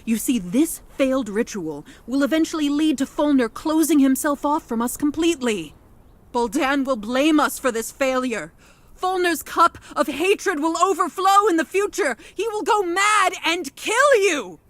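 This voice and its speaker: A high-voiced, emotional old grandmother. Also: lively intonation, moderate pace, a little mellow. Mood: pleading. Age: older. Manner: pleading, emotional. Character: devoted older grandmother, emotional and headstrong. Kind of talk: game cutscene dialogue.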